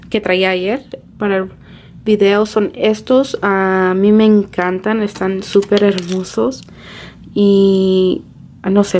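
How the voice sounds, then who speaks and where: Around thirty, a woman who vlogs about her family and is a mother chats casually to the camera and her children, switching between languages informally. Her mid-range voice has a slightly mellow quality.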